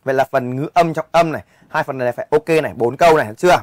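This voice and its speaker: A man's voice: mid-range voice, racing, no room sound. A young male English teacher, walking students through an exam in a chatty way and often checking if they follow. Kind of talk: exam walkthrough lesson.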